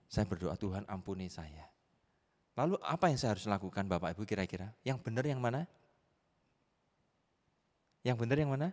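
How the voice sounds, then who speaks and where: A middle-aged man, a pastor preaching and telling a personal story in a lively way, acting out his family members' voices. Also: mid-range voice, a little fast, long pauses. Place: church sanctuary. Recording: reverberant church hall.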